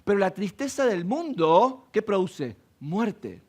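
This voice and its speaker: A man's voice: high-pitched, very animated, slow pace, warm tone. A man preaching a sermon as pastor of a church, asking the congregation question after question.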